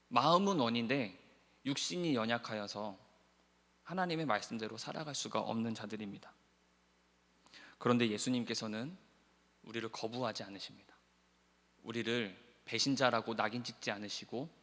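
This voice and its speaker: Impassioned pastor in a reverberant church. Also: male voice, mid-range voice. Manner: swings from soft and hushed to loud impassioned pleading. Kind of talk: sermon. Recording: long church hall reverb.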